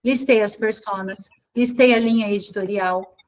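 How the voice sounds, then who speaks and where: A woman's voice: medium pitch, steady tone, moderate pace, poor audio. A woman teaching a live online class over a video call, talking informally and correcting herself as she thinks aloud.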